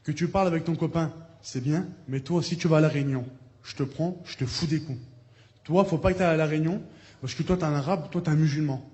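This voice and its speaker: A man giving a spoken testimony as a preacher, telling his story, acting out the people he quotes and breaking into loud praise. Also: fairly high pitch, quick pace, lo-fi sound. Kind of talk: testimony sermon.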